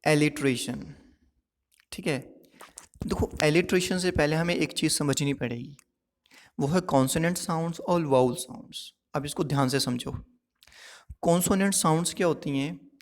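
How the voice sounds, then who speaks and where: A man's voice: on the high side, moderate pace, long pauses, long reverb tail. A male teacher, explaining a lesson step by step and often checking that the listener is following. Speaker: English teacher. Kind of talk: classroom lesson explaining poetic devices.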